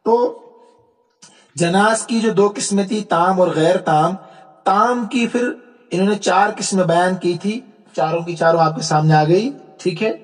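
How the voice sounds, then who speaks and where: A man teaching Arabic rhetoric in a classroom-style lecture, explaining step by step, checking that students follow, and reciting verse slowly. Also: high voice, faint music behind. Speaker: religious teacher.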